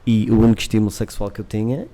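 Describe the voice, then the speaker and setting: A man's voice: fairly low pitch, fairly even intonation, rapid-fire, mellow. A man with a European Portuguese accent, hosting a casual chat and talking candidly with jokes. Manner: candid, jokey, confessional. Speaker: podcast host.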